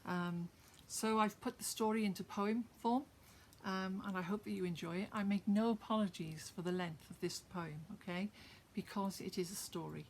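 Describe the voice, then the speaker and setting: A woman from Wales, with a Welsh accent and a medium-pitched voice, talks at normal speed with hardly any pauses over a little hiss or hum. A poet sharing her own work, she chats casually to her viewers with many fillers, then recites her own rhymed poem.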